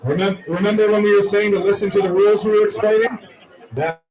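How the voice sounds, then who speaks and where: High-voiced man announcing in an echoey ballroom. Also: fairly even intonation. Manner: brisk, calls names and results. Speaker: tournament announcer. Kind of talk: event announcing over a PA. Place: large ballroom. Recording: echoey ballroom from far off, loud crowd.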